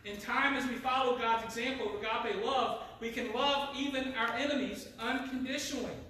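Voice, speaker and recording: A man preaching a sermon, reading scripture aloud and dropping low and slow at solemn lines. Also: steady tone, pushed and bright, slight background noise. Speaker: pastor. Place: church sanctuary. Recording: echoey church sanctuary, mic at a distance.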